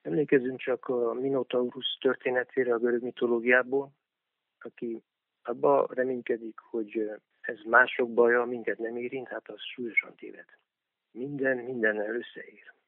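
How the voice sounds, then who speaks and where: A man's voice: mid-range voice, flat delivery, vocal fry, no room sound. A man delivers political commentary on the radio, sarcastic and mocking throughout. The sound is thin and phone-like, and quite dry.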